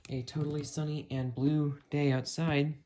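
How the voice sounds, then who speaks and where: With a warm, level, mid-range voice at a moderate pace, the host of a gadget review video chats casually through a hands-on review while handling the item. It was recorded in a room at home, and the audio carries noise, clicks and handling sounds.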